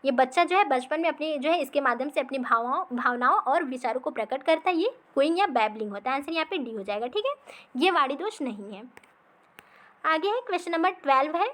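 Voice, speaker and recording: High-voiced teacher woman, repetitive. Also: lively intonation, fairly bright tone. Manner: explains slowly, repeats points, says "ठीक है" after nearly every line. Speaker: exam-prep teacher. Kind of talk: recorded exam-practice lesson.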